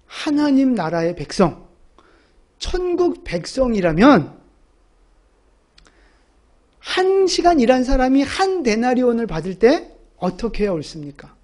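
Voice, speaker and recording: A woman's voice: fairly high pitch, very animated, a little slow, pauses often, a little mellow. A woman pastor preaching a sermon, emphatic and asking the congregation rhetorical questions.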